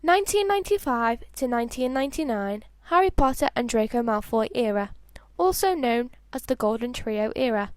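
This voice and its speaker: A woman with a high-pitched, clear, resonant voice reads fan fiction expressively in a homemade audiobook style. The recording is dry and close with no echo, and she goes at normal speed with few pauses, lightly tripping over the odd word.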